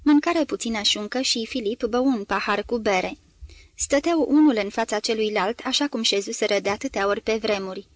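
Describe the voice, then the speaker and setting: A woman reading a literary novel aloud as an audiobook, measured and grave, giving the dialogue a voice. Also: on the high side, no echo. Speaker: audiobook reader.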